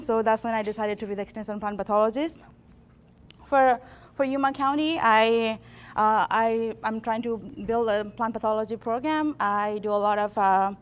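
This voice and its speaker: A woman's voice: medium pitch, smooth. A woman, an extension plant pathologist from Nepal giving a workshop talk with dry self-deprecating humor and frequent restarts. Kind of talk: workshop presentation.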